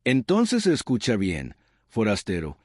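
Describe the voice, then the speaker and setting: Here a man performs the tribe's stern widow in a full character voice, pitched on the low side, proud and imperious. Her delivery is slow, grave and measured, each word weighed as if passing judgment. The recording is dry and close, and the storybook telling moves with a lively rise and fall.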